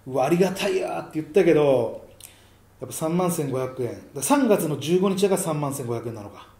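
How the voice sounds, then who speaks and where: A young man with a slightly high voice rattles through a backstage story at high speed, acting out the quotes as he goes. The sound has a roomy echo. He is one half of a comedy duo on a casual radio talk show. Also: animated, warm tone. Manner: fast storytelling, acts out quotes, laughs at own jokes.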